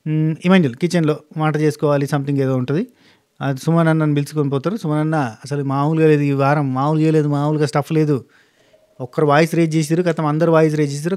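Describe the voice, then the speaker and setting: A man, casually recapping a reality show in an animated monologue with quick restarts. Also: a little high. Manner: rapid, animated retelling with frequent restarts.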